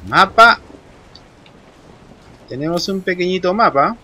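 Brief: male horror gamer, high-pitched, cursing, screams when spooked. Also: animated, slow pace, sharp tone. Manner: swears a lot, shrieks in panic when scared. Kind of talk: horror let's play commentary.

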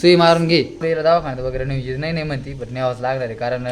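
A young man filming a casual family vlog, loud and teasing, talking straight to his viewers. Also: medium pitch, fairly even intonation, fast talker, a little hiss or hum. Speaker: vlogger.

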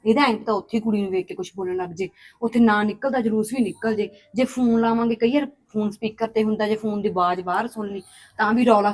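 A woman's voice: medium pitch, natural voice. An actress playing a worried adult daughter who scolds her brother in a family drama. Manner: argumentative, quick to scold. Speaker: daughter and sister. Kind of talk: scripted family drama acting.

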